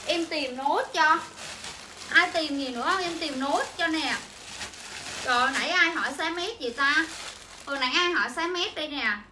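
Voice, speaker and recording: Pitched high and moving at a moderate pace, this young woman's voice carries the repetitive patter of a livestream clothing sale as she chatters on. Faint ambient noise and room echo surround her.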